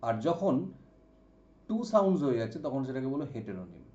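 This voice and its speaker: A man teaching an exam-prep English vocabulary lesson, explaining slowly, repeating example words and checking understanding with "okay?". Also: mid-range voice, sing-song, mellow. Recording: dull, echoey room sound.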